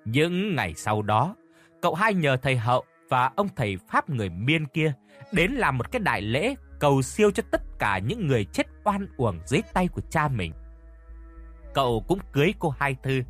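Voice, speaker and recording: Guy reading a spooky story, pretty lively up and down voice, faint music behind. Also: normal speed. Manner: expressive storytelling, lively pitch. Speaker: narrator. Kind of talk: dramatic audiobook narration.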